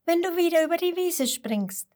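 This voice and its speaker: A woman's voice: extremely high pitch, lively intonation, normal speed, darkish tone, pitched above the performer's own voice. A woman voicing a small, curious, helpful flea in a children's story, with an eager, chirpy delivery.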